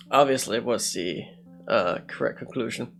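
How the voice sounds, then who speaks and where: A man commentates casually on a video game, reasoning his way through it out loud. His voice sits at a medium pitch, with some music playing underneath. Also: wildly swooping pitch, measured pace, creaky. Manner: thinks aloud, deliberating.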